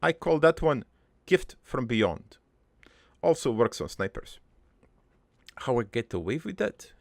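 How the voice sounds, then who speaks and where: For an improvised cartoon monologue, a man plays a gruff, crude army veteran turned prankster recounting his regretful life story. His mid-range voice swings widely in pitch as he rambles in a halting, matter-of-fact way, with no echo.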